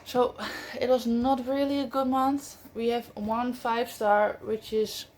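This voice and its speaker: Speaking slowly and flatly in a slightly high, somewhat mellow voice, a book vlogger gives a casual review. English isn't her first language, so fillers and self-corrections come often. There's slight background noise.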